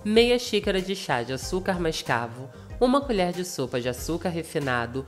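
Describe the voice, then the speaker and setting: A woman's voice: on the low side, very animated, normal speed. Thin, reedy Brazilian woman with flu-cracked voice. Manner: polite, instructional address to viewers. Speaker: cooking channel host. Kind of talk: scripted recipe narration. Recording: music behind the voice. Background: music.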